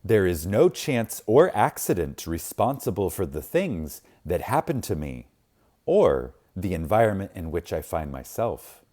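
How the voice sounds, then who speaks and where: An audiobook reader with a low, dark, relaxed voice reads a spiritual text reverently. He goes slowly and solemnly, leaving deliberate pauses between phrases, and his intonation swings widely for dramatic emphasis.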